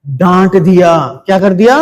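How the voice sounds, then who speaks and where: Slow-talking male grammar teacher. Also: sits high. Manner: asks and answers his own questions; repeats key words for students. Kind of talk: classroom grammar lesson.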